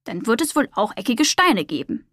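A woman voicing a wise, calm male whale in a storybook reading, talking softly and with assurance. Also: on the high side, normal speed, no echo, studio quality.

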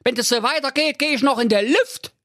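A man's voice: very high voice, fairly quick, bright, forceful tone, dry recording, studio quality, pitched above the performer's own voice. A man doing a cranky talking dud bomb. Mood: fed up. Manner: grumbling, slangy, exasperated. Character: cranky slangy talking unexploded bomb, male.

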